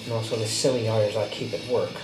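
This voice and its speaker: This low-voiced man, a guitar channel host in his late thirties, chats in a loose, reflective way as he works, using plenty of fillers. His delivery is flat and quick, and a mild cold leaves him a bit congested. Loud music sounds in the background of an echoey room.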